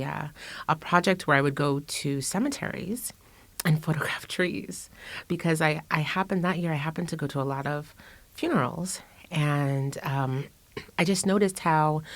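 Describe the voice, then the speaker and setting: With a deep voice and no room sound, a middle-aged guest artist reflects aloud during a casual interview. She laughs frequently and her speech is full of fillers and restarts.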